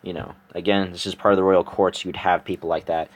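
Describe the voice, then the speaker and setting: A man with a notably low voice recounts a fantasy tale in loose, everyday speech. He draws as he talks, so he wanders, restarts and pads his sentences with fillers. It sounds like someone narrating his own story for viewers rather than performing it. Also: level tone, a little fast. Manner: rambling, filler-heavy, thinking aloud. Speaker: storyteller and artist. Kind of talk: casual spoken storytelling while sketching.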